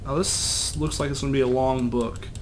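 A man's voice: mid-range voice, fairly even intonation, normal speed, slight background noise. Rambling young man narrating gameplay. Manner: chatty, rambling, self-deprecating. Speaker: let's play gamer. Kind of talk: casual gameplay commentary.

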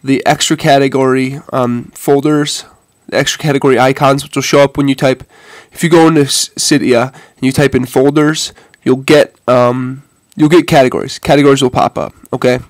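Sick with a head cold, this man sounds stuffy-nosed and congested as he walks viewers through a casual phone demo. His mid-range voice keeps a steady tone at a moderate pace with few pauses, and his manner is hesitant and informal, addressing everyone as "guys." No room sound is audible.

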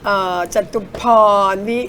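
A middle-aged woman co-hosting a casual political talk show, loud, blunt and emphatic. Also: slow, slight background noise.

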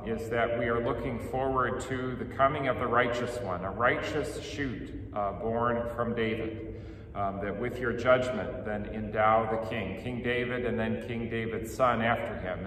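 A middle-aged man speaks as a priest at a church service in a solemn, measured manner, at a medium pitch. His voice rings with a long cathedral echo and sounds set back from the microphone, with faint noise in the room. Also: fairly bright tone. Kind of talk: liturgical chant, gospel reading and homily. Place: indoors in a church. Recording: echoey church hall, distant, noisy background.

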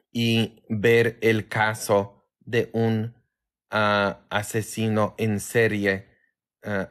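A man from Poland with a Polish accent, a priest chatting casually with viewers on a livestream in a tired, low-key way.

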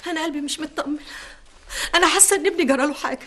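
A woman's voice: very fast, fairly bright tone. An actress playing a middle-aged Egyptian mother, frantic and tearful with fear for her missing son. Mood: worried. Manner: shrill, pleading, tearful outbursts. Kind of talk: TV drama acting.

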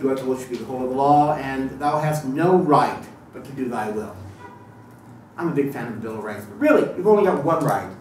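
A man's voice: mid-range voice, darkish tone, distant mic. A man giving a live lecture to an audience, thoughtful and digressive, with frequent restarts and fillers. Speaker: lecturer on Thelema. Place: lecture room. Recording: echoey room recorded from afar, faint noise.

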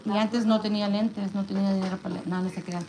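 Young woman, patient, wisecracking and casual; steady room noise. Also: medium pitch, fast. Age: young adult. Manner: wisecracking, joking. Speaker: patient after neck surgery. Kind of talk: casual family chat mixing Spanish and English. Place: hospital room.

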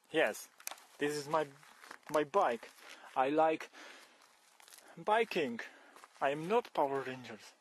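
Young polish cyclist, heavy accent, halting broken english, husky, slow and lively pitch, outdoor phone-camera sound. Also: male voice. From Poland. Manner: broken English, exclamations of shock. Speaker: cyclist vlogger. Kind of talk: comic one-sided phone call. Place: outdoors on a forest trail and fields. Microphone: camera held close at arm's length.

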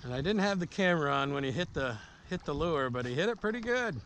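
Fast-talking and animated, a middle-aged man with a voice on the high side, a bit bright and touched with vocal fry, chats with a boy on a small river boat. He coaches and encourages him in an easygoing way while they fish for a casual outdoor vlog. The boat-mounted action camera records faint outdoor noise.

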